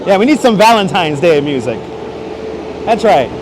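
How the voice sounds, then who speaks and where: Strolling busy Manhattan streets, a livestream host chats playfully and exclaims to his viewers in a high, very animated voice at normal speed. He wears a wireless clip-on mic, and city street noise fills the background.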